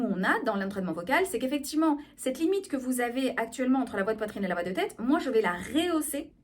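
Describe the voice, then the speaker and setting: A woman speech therapist giving an explanatory video lesson on voice, lively and often checking in with her listeners. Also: fairly high pitch.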